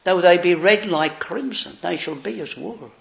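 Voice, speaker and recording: A man preaching a sermon, slow, solemn and earnest. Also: sits high, creaky, a bit bright.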